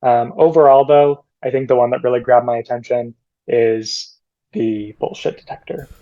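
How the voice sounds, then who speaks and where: A man's voice: medium pitch, steady tone, moderate pace, mellow, muffled recording, a little hiss or hum. Man giving hesitant feedback on a call. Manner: hesitant, many ums, polite. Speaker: challenge judge. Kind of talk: casual spoken feedback. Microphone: video call.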